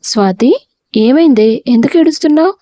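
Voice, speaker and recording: A woman voicing a kind male cousin who speaks gently and with concern. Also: high-pitched, lively intonation, normal speed, no room sound, pitched above the performer's own voice.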